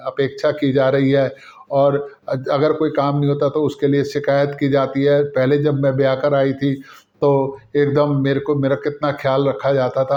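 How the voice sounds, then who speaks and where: A man's voice: medium pitch, lo-fi sound. A man who narrates a family story in the first person in a conversational way, with fillers and restarts.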